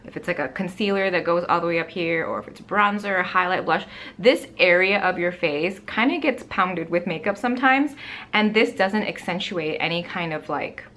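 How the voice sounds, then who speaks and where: A woman's voice: on the low side, animated, moderate pace, a bit bright, a little hiss or hum. A woman in her thirties chatting casually through a makeup review, with lots of fillers and gushing asides, recorded at home by a camera in front of her. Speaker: beauty vlogger. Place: bright home room with plants.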